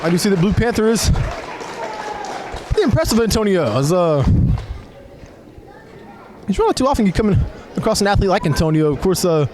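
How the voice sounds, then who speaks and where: A man with a high voice calls lucha libre as a live announcer. His commentary is conversational and a little halting, dotted with admiring exclamations. A crowd is clearly heard behind him. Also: big pitch swings. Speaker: wrestling commentator. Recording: live event recording with crowd noise. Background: wrestling crowd.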